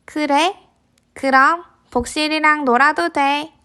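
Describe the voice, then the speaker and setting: A woman's voice: sits high, steady tone, slow, sharp tone, voice pushed up, full character voice. A woman voicing a bossy, possessive young girl, the big sister in a picture book read to toddlers. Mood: softening.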